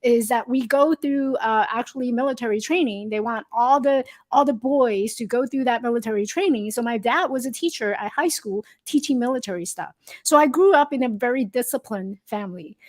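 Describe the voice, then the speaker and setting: High-voiced woman from Taiwan, lively guest. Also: fairly quick. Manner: animated, laughs often, simple non-native grammar. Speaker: podcast guest, storyteller. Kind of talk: casual interview chat.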